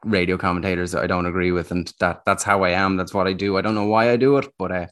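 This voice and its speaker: Male, Irish accent, very low voice, opinionated, grumbling, casual podcast chat. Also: fairly even intonation, quick pace, a bit bright. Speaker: sports podcast panellist.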